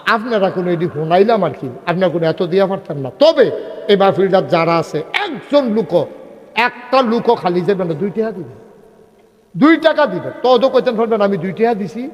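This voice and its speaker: In a large hall, heard through dull audio, a man with a high, expressive voice preaches fairly quickly. His humorous Islamic sermon at a religious gathering is conversational, built on stories with dialogue and crowd call-and-response.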